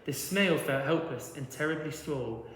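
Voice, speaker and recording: A man with a fairly high voice reads a rhyming picture book aloud like a teacher to pupils. His narration is rhythmic, and it rings around an echoey hall with long reverb. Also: measured pace, fairly bright tone. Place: large reverberant indoor room.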